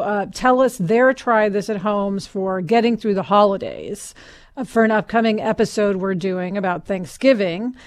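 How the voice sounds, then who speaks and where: American woman with gravelly vocal fry. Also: fairly high pitch. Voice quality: somewhat hoarse. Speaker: podcast co-host. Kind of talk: casual podcast chat.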